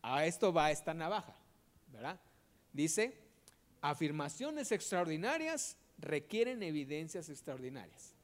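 A man's voice: on the high side, sing-song, measured pace. A man preaching in a conversational way, asking the audience rhetorical questions.

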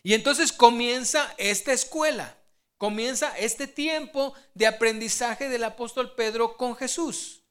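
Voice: mid-range voice, unhurried, fairly bright tone, smooth. A preacher giving a sermon, telling the story with animation and acting out the quotes.

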